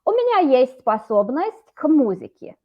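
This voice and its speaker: A woman's voice: sits high, big pitch swings, moderate pace, highs cut off. A woman tutoring a student over a video call, explaining words patiently. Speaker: Russian teacher. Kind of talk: online language lesson.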